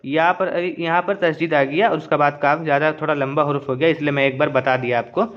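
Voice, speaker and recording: Man teaching recitation, high voice, patient drills, muffled lo-fi sound. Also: steady tone, quick pace. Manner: patient, repeats drills syllable by syllable; asks "understood?" often. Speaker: Quran reading teacher. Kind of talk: slow step-by-step recitation lesson.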